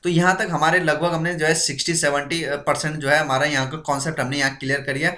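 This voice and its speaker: A man's voice: fairly high pitch, little pitch movement, quick pace, pushed and bright, reverberant. A man teaching an exam-prep reasoning lesson who asks questions and answers them himself, repeating key points.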